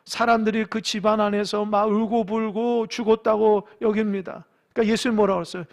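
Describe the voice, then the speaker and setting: A man preaching a sermon to a congregation, telling the story with lively acted-out voices and direct appeals to the listeners. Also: high-pitched, brisk. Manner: animated storytelling, acting out voices and urging the congregation. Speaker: pastor. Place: church sanctuary.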